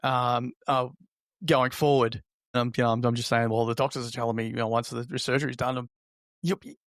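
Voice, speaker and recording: Aussie guy chatting as a podcast guest, kinda halting and thoughtful, really dry close sound. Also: mid-range voice, fairly even intonation, a bit bright, no room sound. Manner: halting, reflective, acts out remembered remarks. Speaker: interview guest. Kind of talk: conversational personal storytelling.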